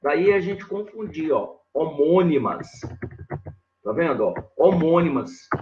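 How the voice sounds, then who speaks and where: A man teaching grammar in a live online lesson, talking slowly and repeating himself as he points things out on a board. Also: a little high, expressive, lo-fi sound, noisy background. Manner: slow and repetitive, constantly saying "ó" and "olha lá" while writing on a board.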